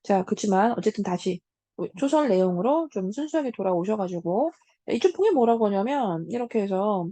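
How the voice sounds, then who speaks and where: A woman teacher giving a casual lecture on a classic story, talking straight to her students with many soft hums between points. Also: mid-range voice, expressive, a little fast, no echo. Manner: casual, talks to students as 얘들아 with frequent hums.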